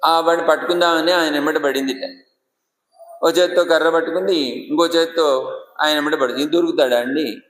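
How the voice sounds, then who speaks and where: Animated preacher, echoey temple hall. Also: male voice, a little high, fairly quick, pauses often. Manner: animated rhetorical questioning. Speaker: devotional preacher. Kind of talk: Telugu religious discourse. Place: temple shrine.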